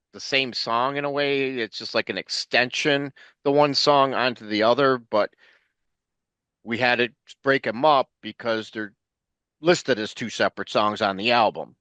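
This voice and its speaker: A man's voice: medium pitch, fairly bright tone, no echo, lo-fi sound. A man talking casually as a guest, rambling and repeating words as he restarts his sentences. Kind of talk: casual chat.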